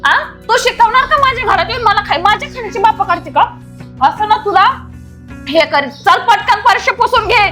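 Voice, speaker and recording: A woman's voice: very high-pitched, expressive, moderate pace, bright, forceful tone. A woman acting a harsh aunt who scolds and taunts, with faint music behind. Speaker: actor playing a cruel aunt-in-law. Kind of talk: amateur family drama acting.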